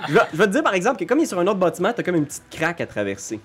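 Lively Quebec French game master. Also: mid-range voice, very fast. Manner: playful, laughs often, sound effects. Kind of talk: narrating a tabletop game.

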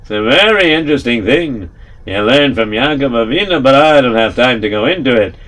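A storyteller doing a shrewd old rabbi, calm and deliberate in a steady, mid-pitched voice that sounds like the teller's own. he drops Yiddish words here and there and takes his time. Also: natural voice. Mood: stern.

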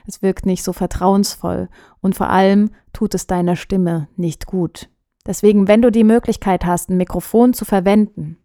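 Calm woman coach talking straight to you, warm darkish voice, super dry mic. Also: mid-range voice, no echo. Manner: calm, direct, addresses listener as du. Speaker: voice coach and podcast host. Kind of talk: spoken advice podcast.

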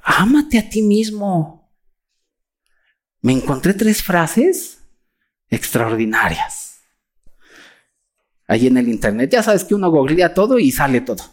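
A preacher with a Mexican accent, delivering a sermon in an animated way and acting out mocking quotes of others. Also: medium pitch, unhurried, long pauses. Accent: Mexican Spanish.

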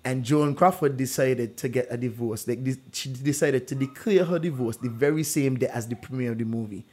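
Medium-pitched and a little fast, this man hosts a laid-back true-or-false quiz. He's an animated storyteller whose speech is packed with "like" fillers.

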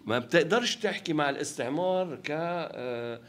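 A man with a Palestinian Levantine Arabic accent giving a reflective interview, halting as he searches for words and checking that the listener follows. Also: on the high side, fairly bright tone. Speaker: interviewed film director.

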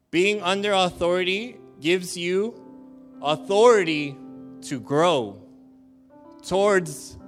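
Bright-voiced joking male pastor. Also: high voice. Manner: animated, joking, conversational. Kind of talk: sermon.

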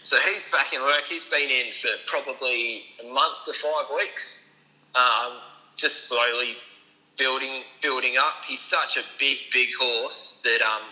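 A man's voice: medium pitch, steady tone, unhurried, bright, forceful tone, poor audio. An Australian man giving casual, understated interview answers as a racehorse strapper, in an informal, laid-back way.

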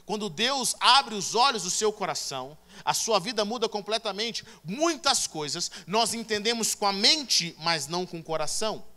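Bright-voiced preacher man. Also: sits high, lively intonation, normal speed, hardly any pauses. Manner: emphatic, swings from hushed to loud. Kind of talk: sermon.

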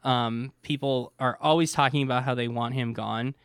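Blunt, profane man with a smooth voice. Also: medium pitch, steady tone, moderate pace, fairly bright tone, no echo, studio quality. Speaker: podcast host. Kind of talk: casual sports chat.

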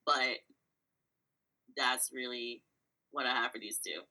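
Woman, podcast co-host, very sharp bright voice, methodical, casual sports chat. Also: a bass voice, steady tone, slow, poor audio. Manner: methodical, lists numbers with fillers.

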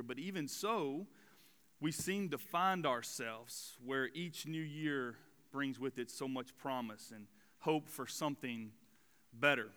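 A man in his forties preaches a sermon in a bright, ringing voice that stays smooth and clear. He talks to the room in a relaxed, chatty way, with plenty of fillers. The church hall lends his voice a long reverb. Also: mid-range voice. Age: 40s. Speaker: student pastor. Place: church sanctuary.

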